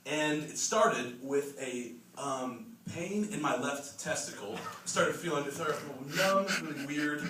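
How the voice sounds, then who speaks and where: A young man doing first-time stand-up comedy at an open mic with stage fright, speaking in a halting, stumbling, nervous way. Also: a little high, animated, sharp tone. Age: young adult. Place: open mic venue before an audience. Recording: echoey room, distant mic, clear noise.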